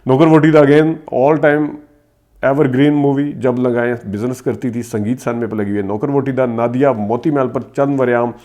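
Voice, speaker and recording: Man, quick commentary, average pitch, reels off film titles. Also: fairly even intonation, warm tone, lo-fi sound. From Pakistan. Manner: reels off titles quickly, stressing names, with asides. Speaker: host. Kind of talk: rapid film-history commentary.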